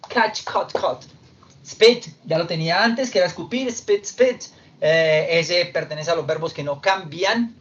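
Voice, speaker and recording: Man, English teacher, online class, fairly high voice, far from the mic, muffled lo-fi sound. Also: fairly bright tone. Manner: slow, repeats verb forms for drilling. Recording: distant, dull lo-fi audio with faint noise.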